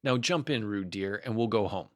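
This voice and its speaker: A man voicing a brisk, motherly female kangaroo in a storybook, soothing but gently firm. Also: lowish voice, no room sound, clean studio sound, natural voice. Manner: cooing, coaxing, mildly stern.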